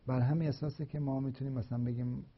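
A man lecturing on philosophy of language, explaining slowly and deliberately with repeated examples. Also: mid-range voice, fairly even intonation, breathy edge. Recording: dull, lo-fi recording.

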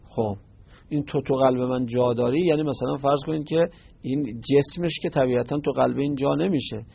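A man teaching a class, explaining a poem slowly word by word. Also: mid-range voice, vocal fry, slightly rough, dry recording. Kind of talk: classroom lecture on translating Arabic poetry. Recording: dull lo-fi recording.

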